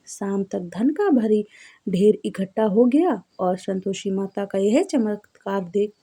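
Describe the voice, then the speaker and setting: A woman narrating a devotional story in a steady, plain reading voice. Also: mid-range voice, husky.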